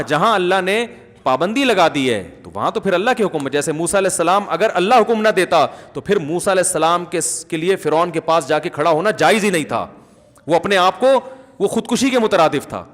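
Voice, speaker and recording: A man's voice: sits high, fairly bright tone. A middle-aged man preaching a sermon as a cleric, joking and acting out the people he quotes, then building to emphatic oaths. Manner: humorous, acts out quoted people; emphatic oaths, rising fervor. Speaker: Islamic cleric. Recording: long hall reverb.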